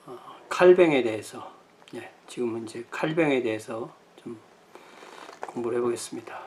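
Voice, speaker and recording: A man's voice: mid-range voice, normal speed, a little mellow, a little hiss or hum. A middle-aged man, a pastor, giving a lecture on church history, thinking aloud with many fillers and self-corrections.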